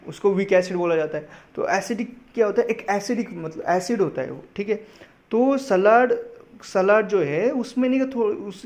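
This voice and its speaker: A young man from India teaching vocabulary for exams, explaining patiently in Hindi, spelling out words letter by letter and reading example sentences slowly. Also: high voice, darkish tone. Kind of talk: exam-prep vocabulary lesson.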